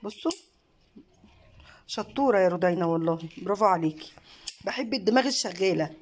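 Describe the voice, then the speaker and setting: An Egyptian mother hosts a casual home craft vlog, talking from behind a phone camera she holds at a living room table. Her mid-range voice is expressive and fast, with an Egyptian Arabic accent, warm praise, encouragement, and lots of fillers. A little hiss or hum is audible.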